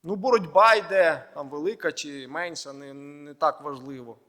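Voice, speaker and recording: Male pastor, high voice, sermon delivery with emphatic lists, long hall reverb. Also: pushed and bright. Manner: measured preaching in short phrases, with emphatic lists. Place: church hall.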